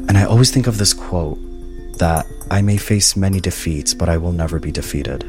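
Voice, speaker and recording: Brief: deep-voiced man, mid-twenties, from Palestine, earnest reflective first-person narration, faint music underneath. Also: moderate pace, a little mellow. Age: 20s. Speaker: housing case manager and graduate student.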